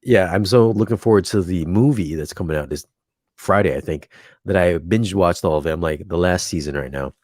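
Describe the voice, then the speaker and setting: A man's voice: low-pitched, a little fast, a little mellow, no echo, clean studio sound. A man co-hosting a casual live chat, laid-back and teasing, speaking easily. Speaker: co-host.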